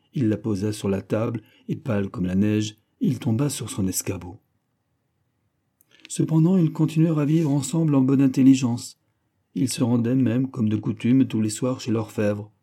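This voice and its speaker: A man narrating a classic story as an audiobook, reading in a measured, solemn way. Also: fairly low pitch, dark tone.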